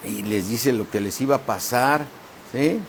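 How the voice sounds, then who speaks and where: Pastor guy, emphatic sermon, keeps checking in with the church, bit of rasp. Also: mid-range voice, slight background noise. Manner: slow, emphatic preaching with frequent "¿sí?" checks.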